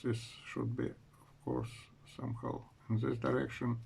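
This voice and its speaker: Slow gravelly man lecturing physics. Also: mid-range voice, level tone, darkish tone, a little hiss or hum. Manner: slow, halting, frequent "uh" pauses while writing. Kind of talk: university lecture.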